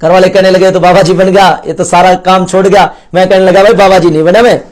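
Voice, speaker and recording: A man's voice: sits high, little pitch movement, brisk, a little mellow. A young man giving an earnest personal testimony, acting out the dialogue as he retells it. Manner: earnest, storytelling with quoted dialogue. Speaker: convert sharing his story.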